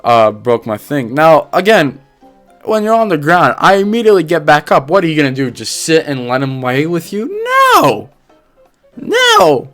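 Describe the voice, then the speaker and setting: A young man spins a personal story in a loose, slangy way, laughing now and then. His voice sits a touch higher than most men's. Faint music plays underneath. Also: brisk. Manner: animated, slangy, laughs often. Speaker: vlogger. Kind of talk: casual storytelling.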